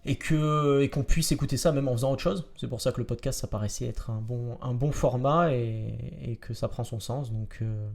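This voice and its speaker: A young man in his twenties with a Marseille accent hosts a relaxed podcast conversation. He talks in a halting way, circling back with fillers and restarts, and laughs easily. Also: mid-range voice, vocal fry. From France. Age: 20s. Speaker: podcast host. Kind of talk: casual podcast chat. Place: room in Marseille.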